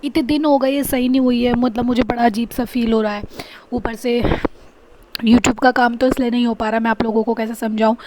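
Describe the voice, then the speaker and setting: A woman's voice: a little high, noisy background. A young woman vlogging casually at home, chatting and venting about her frustrations. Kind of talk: casual vlog chat. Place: home kitchen.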